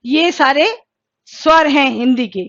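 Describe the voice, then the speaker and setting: A woman teaching a Hindi exam-prep lesson, asking questions and then answering them herself, and sounding out each vowel slowly. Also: high voice, a bit bright, highs cut off. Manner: slow, careful pronunciation drills.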